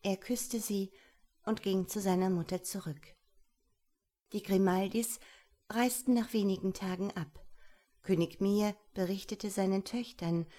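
Ruhige Märchenerzählerin. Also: female voice, medium pitch. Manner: calm, unhurried storytelling. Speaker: narrator. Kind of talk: fairy-tale reading.

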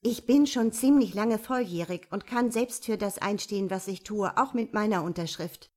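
A woman's voice: mid-range voice, unhurried, a little mellow, natural voice. A woman voicing a desperate, angry woman demanding a loan, tense and insistent. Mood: furious. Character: desperate, angry middle-aged woman borrower.

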